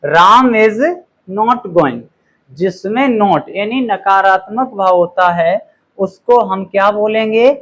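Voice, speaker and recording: A man teaching a grammar lesson, explaining slowly, reading example sentences very clearly and checking in with an "okay" after each point. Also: high-pitched, a bit bright, rough recording.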